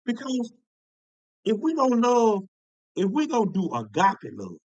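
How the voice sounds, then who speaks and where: A man delivers a sermon in a high, ringing voice. He talks in a folksy, emphatic way, repeating phrases and stretching out key words for weight. The sound is dry and close. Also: wildly swooping pitch, unhurried, darkish tone, no echo, lo-fi sound. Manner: folksy, emphatic preaching with repetitions. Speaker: preacher.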